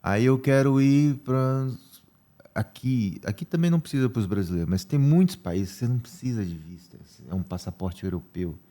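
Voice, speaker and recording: A man's voice: mid-range voice, lively intonation, moderate pace, warm tone. A man from Brazil hosting a podcast interview, chatting casually and sharing personal stories.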